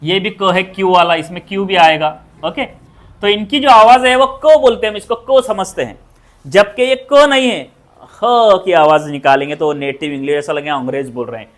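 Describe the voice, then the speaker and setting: A woman with an Indian accent teaching English pronunciation, repeating each word several times and asking quick questions to check the class. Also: fairly low pitch. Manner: drills words by repeating them, asks quick check questions. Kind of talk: pronunciation lesson.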